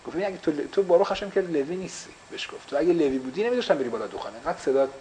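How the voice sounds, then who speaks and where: Male teacher, slightly high voice, questions the class and drops in English phrases. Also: lively intonation, dark tone, slight background noise, rough recording. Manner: explains with repeated rhetorical questions; mixes English phrases into Persian. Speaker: religious teacher.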